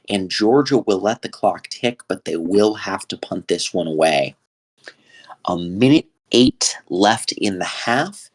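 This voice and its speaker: Low-voiced man calling a football game. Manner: steady, conversational calls with frequent fillers. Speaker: play-by-play commentator. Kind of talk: sports play-by-play commentary.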